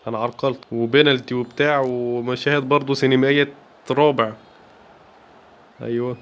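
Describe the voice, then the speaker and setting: A man with an Egyptian accent giving excited, playful commentary while playing a football video game. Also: mid-range voice, fairly quick, highs cut off. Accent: Egyptian Arabic. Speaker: gaming YouTuber. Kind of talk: live gameplay commentary.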